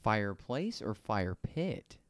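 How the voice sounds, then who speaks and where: A man's voice: on the low side, big pitch swings, takes it slowly, no echo. A man hosting a podcast with casual, jokey frat-bro banter and loose swearing. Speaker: podcast host.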